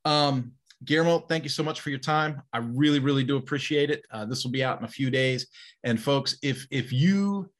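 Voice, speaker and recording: Wrapping up an interview, a podcast host chats in an upbeat way, laughing and plugging his guest. His voice is medium in pitch and his pace moderate.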